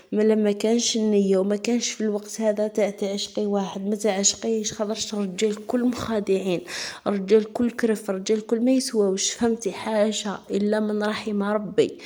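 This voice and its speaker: A woman delivers a heartfelt advice monologue to young women, repeating her points earnestly and checking whether they understand. She speaks quickly in a fairly flat, even line. Her tone is mellow and dark. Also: mid-range voice. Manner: earnest, repetitive, keeps asking "understand?". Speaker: advice vlogger.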